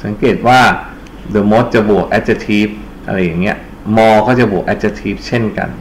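A man's voice: fairly low pitch, unhurried, slight background noise. Thai man teaching English grammar in an echoey room. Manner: explains step by step, asks the class questions and answers them himself. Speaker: English tutor. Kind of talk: exam-prep lecture.

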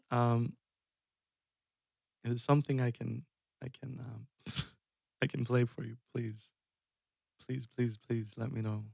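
Heard through a headset in a dark room, this Icelandic man in his thirties wanders through casual chatter on a music stream, laughing at his own expense. The voice is mid-range, creaky and a little mellow. The sound is dry and clean, like a studio.

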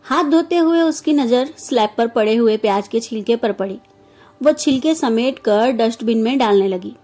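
A woman narrating a scripted moral story in an even, measured reading manner. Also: on the high side, faint music behind.

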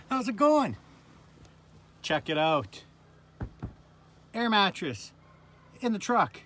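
A man's voice: sits high, fairly bright tone. A man in his fifties from Canada, talking casually and cheerfully to his phone camera outdoors at a forest campsite. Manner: upbeat, chatty, bursts of enthusiasm. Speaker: camping vlogger. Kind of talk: casual vlog chat to camera. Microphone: phone camera held close.

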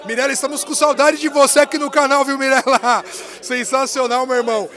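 A man's voice: extremely high pitch, level tone, brisk, fairly bright tone. A man in his thirties interviewing a guest at an indoor music fair with a handheld mic, talking in a hyped, slangy, joking way. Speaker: interviewer host. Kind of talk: casual event interview.

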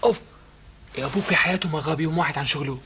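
An actor playing a clever young brother who eagerly lays out a scheme. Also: male voice, a little high, rapid-fire, pushed and bright, a little hiss or hum. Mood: plotting. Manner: eager, scheming, explains plans. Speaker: comedy actor. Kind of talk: sitcom acting.

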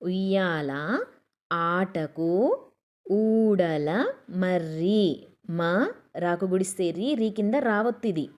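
A woman with a Telugu accent and a medium-pitched voice teaches young children to read. She speaks very slowly and patiently, sounding out every syllable before she blends them into words. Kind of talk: slow syllable-by-syllable reading lesson for children.

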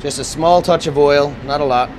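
Male executive chef, slightly high voice, lapel mic in a noisy restaurant kitchen. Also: moderate pace. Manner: steady instructive step-by-step explaining. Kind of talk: cooking demonstration. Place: restaurant kitchen at a gas range.

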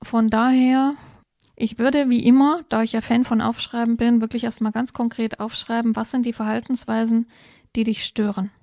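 A woman co-hosting a podcast, calmly explaining step-by-step advice in a casual conversation. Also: on the high side, normal speed, dry recording, clean studio sound. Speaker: podcast co-host explaining parenting topics.

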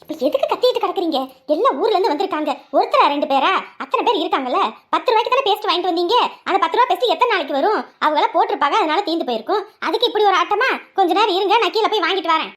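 Woman playing a fed-up young wife, very high, rapid comebacks. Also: expressive. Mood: exasperated. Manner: exasperated, talking back. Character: put-upon young wife, defiant and exasperated. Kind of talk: family drama acting.

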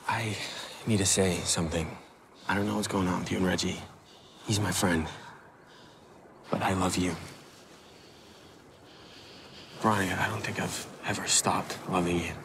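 A brave teenage boy fighter in a screen drama. His voice is deep and hushed, with an earnest, devoted manner. Clear ambient noise sits around him. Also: steady tone, moderate pace, long pauses. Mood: tender, earnest. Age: young adult.

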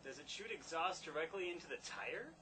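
In a basement, a man riffs on an old movie with sarcastic wisecracks, his voice a little high and a little fast. It's a home recording of joking commentary with the film's noise playing behind him.

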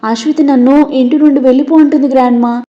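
A woman's voice: high voice, fairly even intonation, fast talker, mellow, highs cut off, close to an everyday voice. [name], a woman reading as a spiteful young woman. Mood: whiny.

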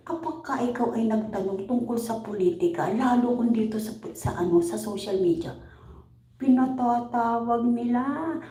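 A middle-aged woman vlogger from the Philippines talks in a chatty, casual way, laughing often and checking in with her viewers. Her voice sits a little high, with a mellow, soft tone. The room around her sounds roomy and echoey. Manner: chatty, laughs often, keeps asking "right?". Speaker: overseas caregiver. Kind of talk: casual livestream chat reading comments. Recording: roomy echo.

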